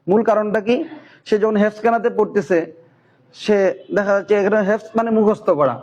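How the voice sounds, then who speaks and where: Male Quran teacher, high voice, slightly dull lo-fi sound, steady explainer. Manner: chants Arabic syllables slowly and loudly when demonstrating. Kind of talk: instructional talk on Quran reading.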